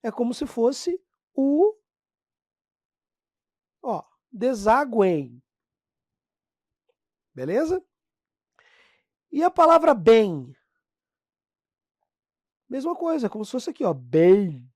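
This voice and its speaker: A Brazilian woman teaching a grammar lesson, talking straight to her class and drawing out example words slowly. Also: fairly high pitch, no room sound, studio quality. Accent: Brazilian Portuguese. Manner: lively, talks to the class as "pessoal", drags out example words slowly. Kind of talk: classroom lesson explaining phonetics.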